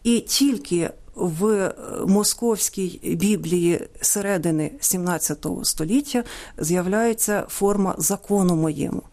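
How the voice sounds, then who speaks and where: A woman guest in a studio interview, explaining old word forms in a measured, lecturing way and listing examples slowly. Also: medium pitch, mellow. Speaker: guest linguist.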